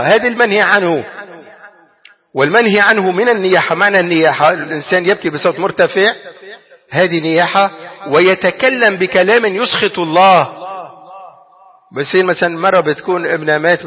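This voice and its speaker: A man with a Levantine Arabic accent giving a religious lesson, explaining a text with animated rhetorical questions. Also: sits high, fairly quick, big-room sound, highs cut off. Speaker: religious teacher.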